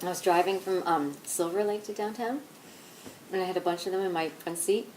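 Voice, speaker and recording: A woman's voice: fairly low pitch, a little fast, darkish tone, a little hiss or hum, natural voice, poor audio. An actress playing a young woman who tells a friend a long, rambling story, full of likes and ums, in naturalistic indie-film dialogue. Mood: animated.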